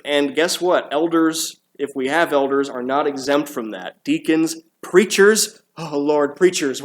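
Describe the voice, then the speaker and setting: A man preaching a sermon in a church, talking in a loose conversational way with restarts and quick asides to the congregation. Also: fairly high pitch. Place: church sanctuary.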